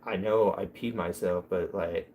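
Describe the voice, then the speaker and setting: A man's voice: sits low, steady tone, a little slow, highs cut off, slight background noise. A young man chatting casually on a livestream, telling rambling, joking stories. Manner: rambling storyteller, loose and joking. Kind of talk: casual live chat.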